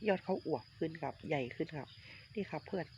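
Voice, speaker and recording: This casual show-and-tell vlog features a man on the high side, speaking quickly, as he walks viewers through the plants in his rural garden, where he grows durians. Polite and chatty, he repeats himself and keeps calling the audience his friends. The phone audio is dull and lo-fi, with loud outdoor noise from roosters, chickens and crickets.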